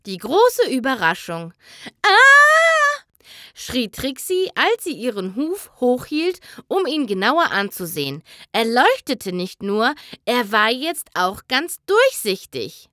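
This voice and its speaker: A woman narrating a children's storybook in an expressive storytelling manner. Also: a little high, slow, dry recording, clean studio sound. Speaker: audiobook narrator.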